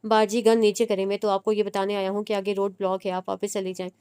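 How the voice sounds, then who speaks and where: Brief: worried male bystander in a storybook, woman narrator doing him, polite, flat delivery. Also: medium pitch, fast, clear, resonant tone, lightly acted. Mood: anxious. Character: adult man, bystander on the road, helpful.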